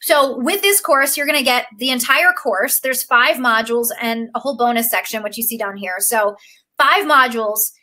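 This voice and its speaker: A woman's voice: fairly high pitch, moderate pace, bright, forceful tone. A young woman coaching actors, talking emotionally and gushing about her course, with lots of fillers and "like". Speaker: acting career coach. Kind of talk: live-stream course pitch.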